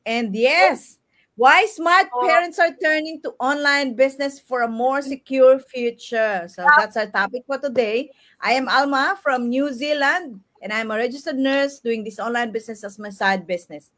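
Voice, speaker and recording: A woman hosting a casual live stream from her home, chatting warmly with Filipino fillers. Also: high-pitched, moderate pace. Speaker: host. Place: home in New Zealand.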